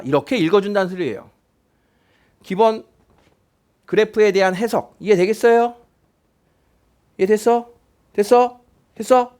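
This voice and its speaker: Brief: male math teacher, high animated voice, keeps quizzing the class and repeating points. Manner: questioning, repeats key points to check understanding.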